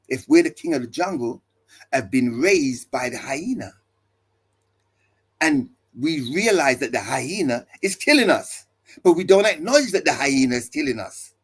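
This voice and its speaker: A man's voice: mid-range voice, breathy edge. A male pastor preaching to listeners, building his points with emphatic repeated refrains and rhetorical questions. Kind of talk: preaching talk.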